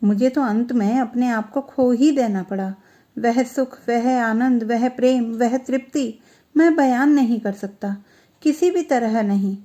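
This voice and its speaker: Woman storyteller, audiobook narration, measured and expressive, high voice, mellow tone.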